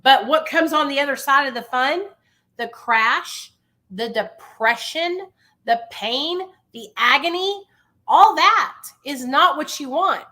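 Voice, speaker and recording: Bright, high-voiced woman, impassioned motivational talk. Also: animated, slow. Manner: emphatic, insistent, repeats phrases for force; informal, familiar address. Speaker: livestream host speaking on addiction recovery.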